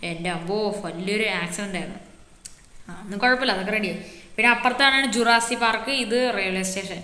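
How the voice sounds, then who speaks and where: A woman's voice: mid-range voice, fast, bright, forceful tone, natural voice. A woman voicing an easygoing adult man, showing off his city in a game role-play with a boastful, teasing big-brother tone. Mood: casual. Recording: echoey roomy reverb.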